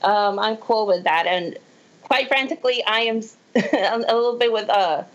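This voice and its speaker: A woman's voice: medium pitch, normal speed, highs cut off. A woman from Puerto Rico calling into a podcast, asking a rambling question and laughing along as she talks. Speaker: caller. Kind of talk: phone-in question.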